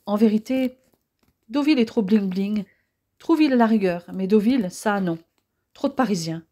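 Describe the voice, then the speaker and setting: A woman's voice: mid-range voice, normal speed, mellow, natural voice. A woman reading the lines of a tender, romantic young man in an audiobook. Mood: fond.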